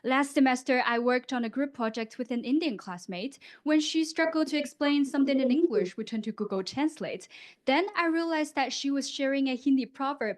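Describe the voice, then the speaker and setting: A young adult woman from Guangdong, China, whose first language is Cantonese, delivers a prepared competition speech as a student contestant. Her voice is high, and her rehearsed, expressive delivery includes rhetorical questions.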